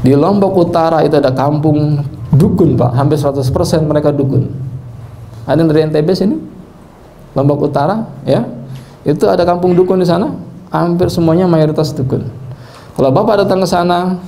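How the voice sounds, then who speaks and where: A male preacher and healing trainer telling animated stories to a live training audience, addressing listeners directly and often breaking into devout exclamations. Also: fairly high pitch, a little fast, pauses often. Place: indoor training session with an audience.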